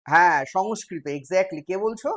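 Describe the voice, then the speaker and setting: A man's voice: high voice, normal speed, a bit bright. A man with a West Bengal accent teaching a live online exam-prep class, explaining step by step and quizzing his students.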